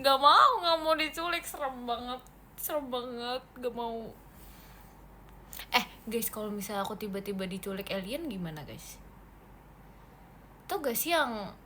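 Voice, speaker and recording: A woman's voice: on the high side, lively intonation, moderate pace, pauses often, sharp tone, a little hiss or hum. A woman livestreaming to fans in a casual, playful chat, reading comments aloud and mixing in English words.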